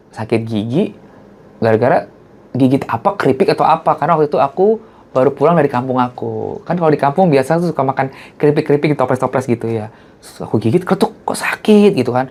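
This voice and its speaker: A man's voice: lively intonation, quick pace, darkish tone. Man, interview guest, chatty storyteller, casual talk. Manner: chatty storyteller who acts out quotes in a high voice. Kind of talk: casual chat.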